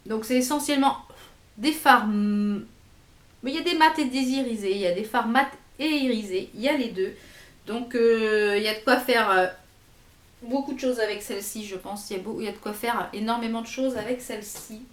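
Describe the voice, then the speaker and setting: A woman's voice: on the high side, a little fast, reverberant. A woman vlogger casually reviewing makeup, chatty and enthusiastic, often hesitating and repeating herself. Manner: hesitant, many fillers and repeats; chatty, enthusiastic about products. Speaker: beauty vlogger.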